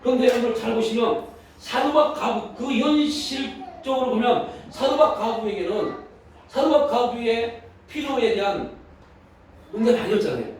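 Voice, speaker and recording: Male pastor, sermon delivery, rhetorical questions; high voice, distant mic, faint noise. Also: animated, normal speed. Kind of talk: sermon at prayer meeting. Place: church hall. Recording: echoey hall from a distant mic.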